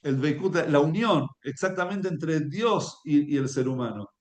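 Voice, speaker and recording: Halting Argentine man teaching, echoey room. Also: a little high, expressive. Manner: halting, many restarts, asks "¿sí?" to check listeners. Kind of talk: spoken Torah lesson with stories.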